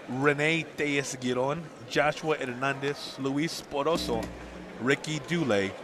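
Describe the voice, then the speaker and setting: A man's voice: medium pitch, background noise. A man giving live boxing commentary as he covers the fighters' entrances and statistics. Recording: loud crowd and music behind. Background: arena crowd and music.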